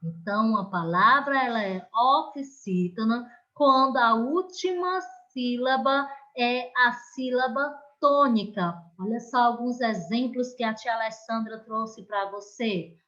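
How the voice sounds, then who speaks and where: Slow, coaxing Brazilian schoolteacher woman. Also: a little high, sharp tone, highs cut off. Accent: Brazilian Portuguese. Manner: slow, drawn-out stressed words, coaxing children. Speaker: primary school teacher. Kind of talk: online lesson for children.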